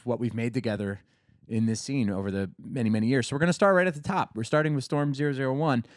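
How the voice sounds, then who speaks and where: Podcast co-host, man, casual rambling chat, average pitch, dry recording. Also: a little mellow, clean tone, no echo. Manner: rambling, filler-heavy, joking. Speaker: podcast co-host, label founder.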